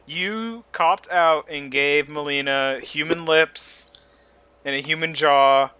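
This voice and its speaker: A man's voice: on the high side, slow, clean tone. A man co-hosting a podcast, chatting casually and retelling scenes with jokes and laughter. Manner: joking, animated retelling with laughs. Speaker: podcast co-host. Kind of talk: casual chat.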